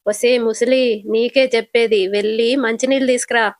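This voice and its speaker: Lady doing a bossy rude grandson, teasing, kinda high voice, dry sound. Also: fairly even intonation, normal speed, dry recording, natural voice. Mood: mocking. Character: cheeky young man teasing his grandmother.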